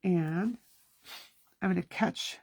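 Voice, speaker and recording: This card-making class host has a fairly low, darkish voice and speaks slowly, with no room sound around her. Stuffy-nosed, she keeps up a chatty self-talk while demonstrating the craft hands-on.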